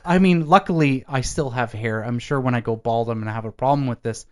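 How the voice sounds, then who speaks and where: A young man co-hosting a casual podcast chat, a little drunk, telling stories animatedly with loud exasperated outbursts. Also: mid-range voice, fast talker, a crowd in the background. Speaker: podcast co-host.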